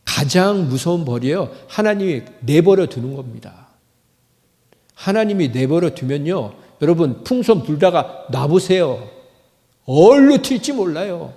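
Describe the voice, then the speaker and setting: A man preaching a sermon as pastor, swinging from loud, impassioned calls to quiet storytelling. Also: a little high, long reverb tail. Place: church sanctuary.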